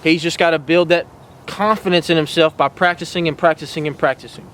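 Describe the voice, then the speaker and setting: Casual male instructor, high and bright, folksy teaching outdoors. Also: fairly even intonation, fairly quick, slight background noise, rough recording. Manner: folksy and encouraging, repeats "all right" and "guys". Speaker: host teaching duck calling.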